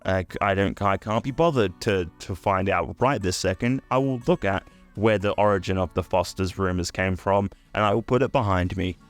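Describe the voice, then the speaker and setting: A man's voice: sits low, normal speed, hardly any pauses, soft background music. A man in his twenties, from the UK and raised in Australia, chatting in a crude, sarcastic comedic vlog. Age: 20s. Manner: crude, sarcastic, swears freely. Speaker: YouTuber.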